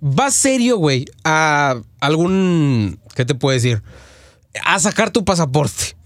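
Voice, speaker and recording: A man's voice: a little high, sing-song, slow, dry recording, studio quality. A man with a Mexican accent, co-hosting a casual chat full of slang, swearing and joking banter. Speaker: podcast co-host.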